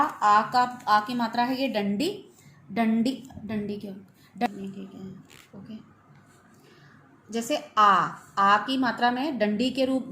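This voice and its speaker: An Indian woman teacher walks a class through a lesson step by step, slipping English words into her explanations. Her voice sits a little high, and faint background noise runs under the recording. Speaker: school Hindi teacher.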